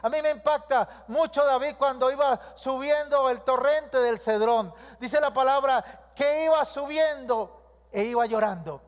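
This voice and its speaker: Pastor guy preaching, really high voice, lots of repeat-after-me lines, big echoey church. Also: a little slow. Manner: call-and-response preaching with repeated lists. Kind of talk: sermon. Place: church hall. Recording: long reverb of a church hall.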